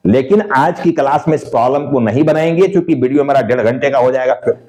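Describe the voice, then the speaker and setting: A man's voice: medium pitch, fast talker, dark tone, poor audio. A man teaching an accounts lesson, explaining step by step and answering his own questions for the students. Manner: often says "dekho" and "theek hai" to check on students. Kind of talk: explanatory lecture.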